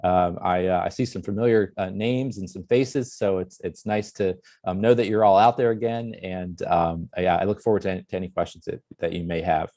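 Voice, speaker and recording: A man giving conference remarks as an invited speaker, in a hesitant, halting way. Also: sits low, fairly even intonation, warm tone, dry recording, studio quality.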